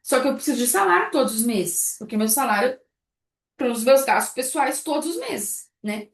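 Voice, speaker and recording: A woman teaching a live online class, keeping up a lively run of rhetorical questions to her students. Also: a little high, normal speed, vocal fry, reverberant. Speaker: baking business instructor.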